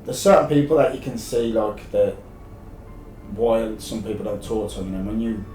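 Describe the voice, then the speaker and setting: An English man in his thirties tells anecdotes in casual interview chat, rambling and matey. His voice sits a little low. The sound is roomy and a bit off the mic, with clear music behind. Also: fairly even intonation, moderate pace, mellow, distant mic. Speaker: podcast guest, live-streamer.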